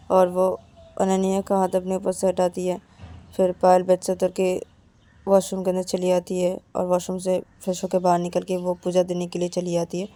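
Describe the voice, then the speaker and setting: A woman telling a romance story in a casual, soft, low-key way, linking events with repeated filler words. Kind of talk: casual spoken story narration.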